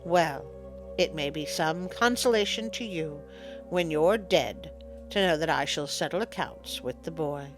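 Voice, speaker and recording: Casting: menacing cobra widow for a storybook woman performing, lowered and hushed, slow, coldly threatening, music behind. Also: animated, low-quality recording. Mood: cold menace.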